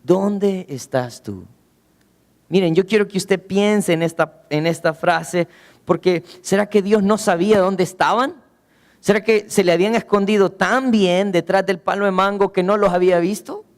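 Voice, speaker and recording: A man preaching a sermon as pastor, earnestly asking rhetorical questions and slowing down, going low for emphasis. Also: fairly even intonation, clear, resonant tone, long reverb tail. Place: church.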